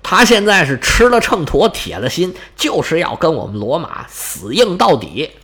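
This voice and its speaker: A man's voice: on the high side, very animated, fairly bright tone. A man doing a gloomy grave Roman general. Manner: heavy, slow, resigned. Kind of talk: Chinese storytelling performance.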